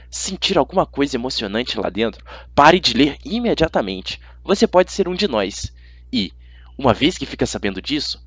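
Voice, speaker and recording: Speaking with a Brazilian accent, this amateur audiobook narrator reads a youth fantasy novel told in the first person. His delivery is expressive and conversational, at a medium pitch. The audio is dry.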